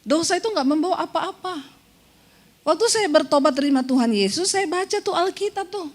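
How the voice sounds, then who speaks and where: A woman pastor preaching a lively sermon, playful and teasing toward her congregation, acting out the voices she quotes. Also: extremely high pitch, fairly quick.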